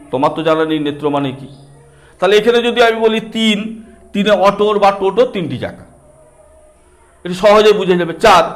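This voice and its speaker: A middle-aged man with a Bengali accent, patiently explaining a counting book to small children. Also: sits high. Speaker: teacher and book author.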